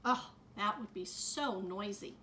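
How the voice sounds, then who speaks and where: A middle-aged woman teacher reading a picture book aloud to children, adding gentle comments as she goes. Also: medium pitch, noisy background. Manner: slow, gentle storytime delivery with added comments to kids.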